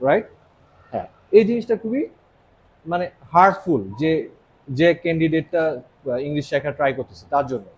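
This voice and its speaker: A man's voice: on the high side, lively intonation, normal speed, pauses often, a little hiss or hum, low-quality recording. A young man from Bangladesh with a Bangladeshi accent, giving a casual motivational English lesson and often asking "right?". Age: young adult. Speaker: English teacher.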